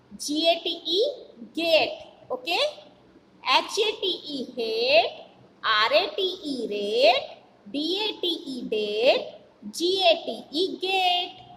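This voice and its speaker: A woman's voice: high voice, a bit bright, in a large hall, a little hiss or hum, low-quality recording. A woman teacher with an Indian English accent, drilling phonics for small children, spelling each word letter by letter before saying it. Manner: spells words letter by letter, then says each word slowly. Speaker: school teacher.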